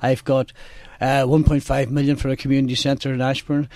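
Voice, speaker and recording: Halting Donegal man in a dry studio. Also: medium pitch, flat delivery, a little mellow, no echo. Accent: Donegal Irish. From Donegal, Ireland. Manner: halting, repetitive delivery. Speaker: election candidate, independent councillor. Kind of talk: live radio interview. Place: radio studio. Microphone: studio microphone.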